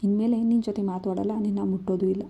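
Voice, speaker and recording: A woman's voice: medium pitch, little pitch movement, fast, warm tone, breathy edge, dull audio. A woman voicing a playful, affectionate young husband who teases his wife. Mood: teasing. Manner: teasing, playful.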